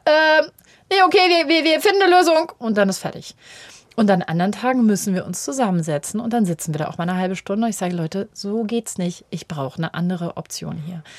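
During a conversational interview, a middle-aged parenting specialist lively acts out how children and parents sound while making her explanations. She speaks at a medium pitch on a dry recording.

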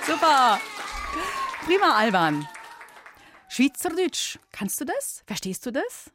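A woman's voice: a little high, wildly swooping pitch, measured pace, sharp tone, faint music behind, a faint crowd. Playful radio host woman. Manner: playful, chatty, laughs easily. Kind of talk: lively children's radio hosting.

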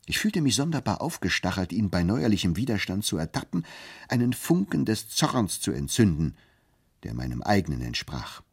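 A man giving a measured, expressive first-person narration of a literary story. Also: lowish voice, creaky, slightly rough. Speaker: audiobook narrator.

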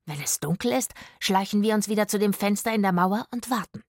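Eine Erzählerin, die in einer Kinderhörgeschichte einen erfinderischen Jungen spricht, leise murmelnd. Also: female voice, mid-range voice, fairly quick, no echo, lightly acted. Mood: plotting. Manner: murmuring, whispering. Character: boy violinist, inventive.

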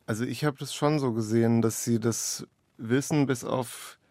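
An author and playwright talks about his own work in an interview, choosing his words hesitantly as he explains it. His medium-pitched voice is steady and dark, his pace moderate, and there is no room sound.

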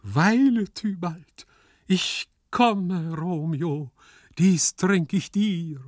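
A man voicing a hysterical, lovesick Italian marquis with shrill, theatrical wailing laments in a literary reading. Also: very slow, no echo, studio quality. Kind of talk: literary reading with acted voices.

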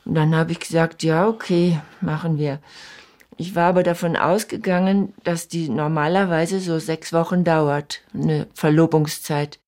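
A woman's voice: deep voice, steady tone, moderate pace, hardly any pauses, darkish tone. An older woman in her sixties, interviewed and recalling memories in a reflective, slightly hesitant way.

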